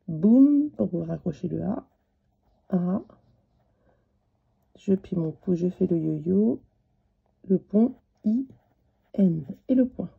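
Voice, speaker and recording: A woman teacher giving a slow, patient handwriting lesson to young children, spelling out each letter as she writes. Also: fairly low pitch, vocal fry, husky, phone-quality sound.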